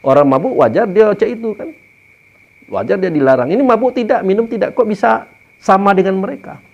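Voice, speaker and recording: Male religious teacher, slightly high voice, animated sermon delivery, lo-fi audio. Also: fairly quick. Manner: addresses listeners as "Pak", rising and falling emphatic delivery. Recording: dull lo-fi recording.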